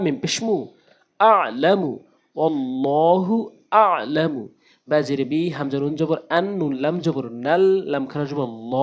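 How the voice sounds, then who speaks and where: A man teaching Quran pronunciation, spelling out Arabic letters syllable by syllable and repeating words to stress the right sound. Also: fairly high pitch. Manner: repeats words for emphasis, instructive.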